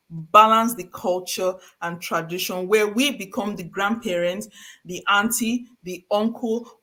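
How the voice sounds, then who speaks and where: A middle-aged Nigerian woman hosts a live-streamed conversation, telling stories in an earnest, emphatic manner. Her voice is medium-pitched and a bit bright.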